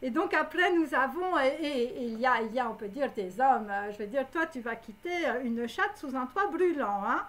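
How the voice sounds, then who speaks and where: Her voice sits high and moves at a moderate clip with few pauses as she delivers a live clairvoyant reading. Facing her viewers directly, the psychic meanders through it, leaning heavily on fillers and tags.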